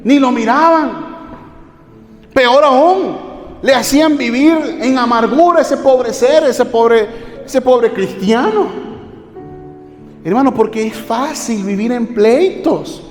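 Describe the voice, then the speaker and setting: Man preaching a sermon, high voice, echoey church hall, faint music behind. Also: slow pace, long pauses. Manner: preaching with rhetorical questions and repeated appeals to "hermanos". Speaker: pastor.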